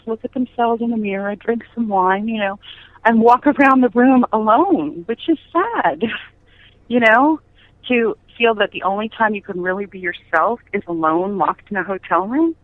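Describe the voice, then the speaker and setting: A woman's voice: fairly high pitch, expressive, normal speed, no room sound. Middle aged lady being interviewed over the phone, chatty, makes her point w questions, thin telephone sound. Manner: chatty, emphatic, uses rhetorical questions. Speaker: podcast guest, business founder. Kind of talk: conversational interview, anecdotal storytelling. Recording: tinny phone-line audio.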